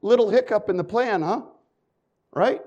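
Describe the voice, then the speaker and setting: A high-pitched man preaches at a moderate pace, alternating loud emphasis with quiet asides. He reads scripture in old-fashioned wording and adds folksy remarks to the congregation, captured on dull-sounding audio.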